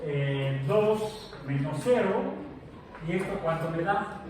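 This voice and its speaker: A man's voice: a little high, animated, takes it slowly. A male science teacher giving a classroom physics lecture, explaining step by step with restarts and checks. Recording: echoey classroom from far off, noisy.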